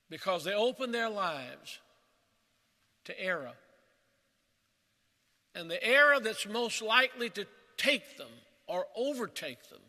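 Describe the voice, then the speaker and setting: Pastor preaching at a pulpit mic, earnest and measured, sometimes hushed, in a reverberant sanctuary. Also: male voice, high-pitched. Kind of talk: sermon.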